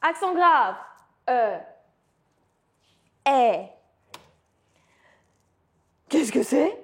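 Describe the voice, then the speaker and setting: A woman teaching a beginner lesson, pronouncing words slowly and clearly, with playful asides. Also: sits high, sing-song. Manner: slow, exaggerated pronunciation with playful asides. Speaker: French teacher. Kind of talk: language lesson mixing French and English.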